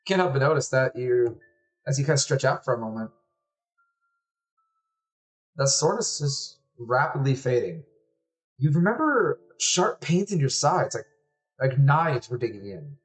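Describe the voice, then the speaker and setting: A man narrating a tabletop game as game master in a relaxed, descriptive way with casual fillers. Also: mid-range voice, a little slow, pauses often.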